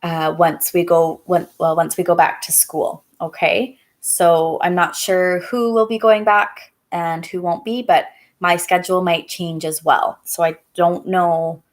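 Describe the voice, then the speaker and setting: Woman teacher reading aloud, low-pitched. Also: level tone. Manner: chatty and halting when talking to viewers. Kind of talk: live-streamed read-aloud and chat.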